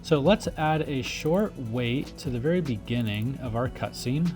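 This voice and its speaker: A male tutorial instructor walks through a software tutorial casually, explaining each step as he goes. His voice is slightly high for a man, animated and unhurried, with faint music in the background.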